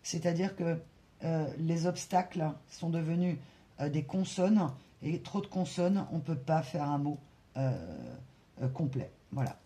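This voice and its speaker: A French-speaking card reader giving a spiritual guidance reading, talking slowly with many hesitations and asides to spirit guides. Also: mid-range voice, dark tone. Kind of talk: tarot-style guidance reading to camera.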